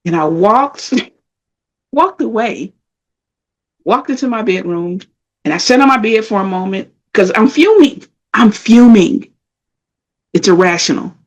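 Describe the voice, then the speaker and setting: A woman's voice: medium pitch, expressive, unhurried, pauses often. A middle-aged woman giving a motivational self-care talk, emphatic and conversational, repeating her points. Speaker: spiritual talk speaker.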